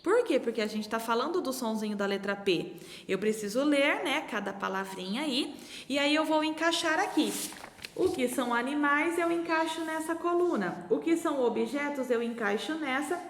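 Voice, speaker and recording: A Brazilian woman teaching young children, sounding out syllables slowly and clearly with exaggerated pronunciation. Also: sits high, animated. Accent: Brazilian Portuguese. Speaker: primary school teacher. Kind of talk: remote lesson for young children. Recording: echoey room with long reverb.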